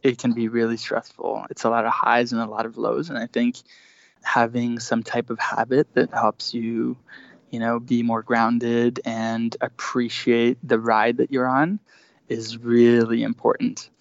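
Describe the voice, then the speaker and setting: Man from switzerland, guest founder, gravelly, hesitant, dull remote line. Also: medium pitch, monotone, unhurried, no room sound. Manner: hesitant, many fillers and restarts. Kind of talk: casual interview. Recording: dry, dull lo-fi remote audio.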